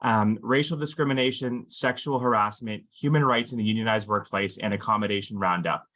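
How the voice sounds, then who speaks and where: Measured man explaining law. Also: fairly low pitch, sharp tone. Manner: measured, explanatory, frequent "um" fillers, stresses key words. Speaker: employment lawyer presenting a webinar. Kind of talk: scripted-ish legal presentation to employers.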